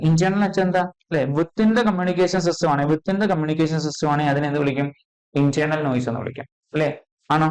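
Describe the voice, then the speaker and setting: A man's voice: fairly high pitch, darkish tone, rough recording. Man teaching, constant check-ins. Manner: checks in constantly with quick questions, repeats key terms. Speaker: physics teacher. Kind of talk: exam-prep lecture.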